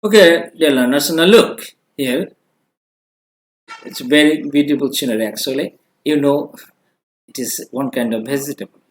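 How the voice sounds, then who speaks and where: A man's voice: mid-range voice, animated, extremely slow, long pauses, roomy sound. A male English teacher giving a classroom grammar lesson, switching between two languages and often asking questions that he then answers himself.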